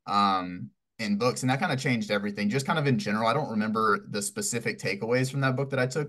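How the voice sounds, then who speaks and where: Young guest from Texas, twenties, lowish voice, loose rambling storyteller full of ums. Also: male voice, sharp tone. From Houston, Texas. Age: 20s. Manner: rambling, filler-heavy storytelling. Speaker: podcast guest. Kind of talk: casual interview answers.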